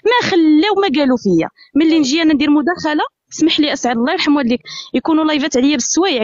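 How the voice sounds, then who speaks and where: A woman with an Algerian Arabic accent pours out her grievances at a breakneck pace in a high, insistent voice. She comes through a phone on a live call, with dull, lo-fi audio in a dry space. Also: no echo. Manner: rapid, aggrieved and insistent. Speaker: guest on a live stream. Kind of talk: casual live-stream chat.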